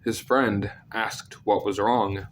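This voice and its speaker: A man with a congested, sick-sounding voice narrating scary stories, with deadpan, self-deprecating asides. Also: lowish voice, takes it slowly, slight background noise. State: sick, clearing throat. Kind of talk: scripted story narration with casual asides.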